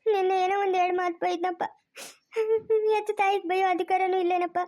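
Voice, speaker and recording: A woman's voice: high-pitched, fairly even intonation, quick pace, dark tone, dry recording, studio quality, close to an everyday voice. A woman voicing a distraught, bitter middle-aged village mother. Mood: tearful. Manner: wailing laments and angry threats.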